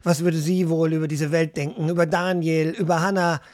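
A man narrating a fantasy audiobook in an even, storytelling manner. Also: fairly high pitch, moderate pace.

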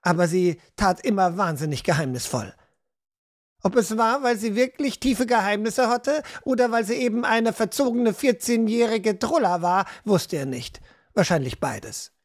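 A man narrating a fantasy audiobook in an even, storytelling manner. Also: high-pitched, moderate pace.

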